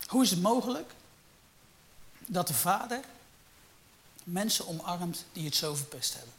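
A man preaching a sermon, swinging from loud emphatic peaks to low, quiet storytelling. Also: big pitch swings, measured pace.

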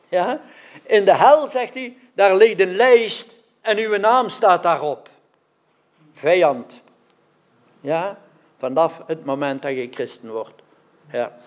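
A man preaching a sermon, often asking his listeners questions and checking that they follow. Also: high-pitched. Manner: questions the audience, adds frequent "right?" checks. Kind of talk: interactive sermon.

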